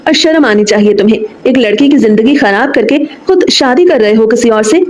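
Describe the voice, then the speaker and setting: A woman reading a sharp-tongued, furious young bride. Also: a little high, lively intonation, brisk, close to an everyday voice, rough recording. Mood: angry. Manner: scolding, indignant.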